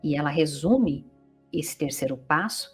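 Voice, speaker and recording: A woman's voice: deep voice, animated, measured pace, breathy edge, faint music behind. A woman with a Brazilian Portuguese accent, a psychologist giving an explanatory teaching talk, patiently checking in with her listeners as she goes. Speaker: psychologist and family constellation teacher.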